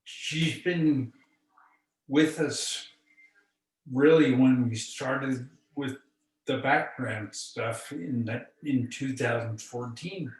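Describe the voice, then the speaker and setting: A man speaking as a spiritual teacher on a video call, slow and deliberate. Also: mid-range voice. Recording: echoey, distant video-call audio.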